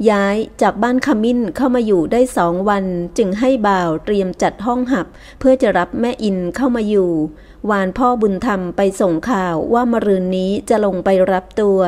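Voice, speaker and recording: A woman reading an audiobook as narrator, in measured, even storytelling. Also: medium pitch. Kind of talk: scripted narration.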